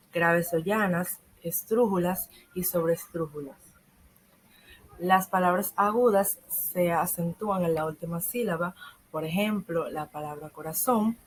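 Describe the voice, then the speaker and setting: A teenage girl, a secondary school student, reading a school lesson aloud from a script and slowing down on the examples. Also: fairly low pitch, husky, rough recording. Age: teens.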